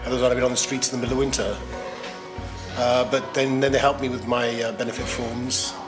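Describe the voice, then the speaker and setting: A man's voice: mid-range voice, level tone, fast. A man giving a personal account in an interview. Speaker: service user being interviewed. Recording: loud music behind the voice.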